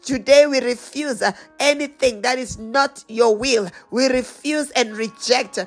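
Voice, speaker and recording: A woman leading a fervent spoken prayer, slow and rhythmic, with repeated declarations and stretches of speaking in tongues. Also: on the high side, soft background music. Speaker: prayer leader.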